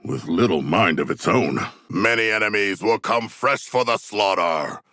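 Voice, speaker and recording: A man voicing a huge, proud humanoid shark warrior in a video game, speaking in formal, grandiose phrases with a gravelly, husky voice. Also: on the low side, lively intonation, a little slow, sharp tone, no room sound, clean studio sound. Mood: earnest, matter-of-fact. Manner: formal, grandiose, stilted diction. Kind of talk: video game character voice lines.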